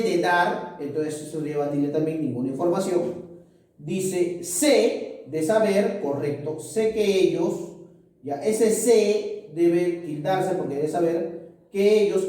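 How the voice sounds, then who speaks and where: A male teacher going through school exercises aloud, moving briskly through the answers and often checking in with the listener with quick tag questions. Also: high voice, mellow, far from the mic. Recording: echoey room, voice off-mic.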